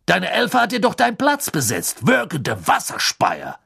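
A man's voice: high voice, wildly swooping pitch, a little slow, vocal fry, sharp tone, husky, pitched above the performer's own voice, exaggerated voice. A man voicing a flustered, round-faced wizard who talks in a breathless, jumpy way. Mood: puzzled.

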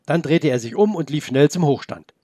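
A man narrating a children's story aloud in a gentle, expressive way. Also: a little high, moderate pace, dry recording, studio quality.

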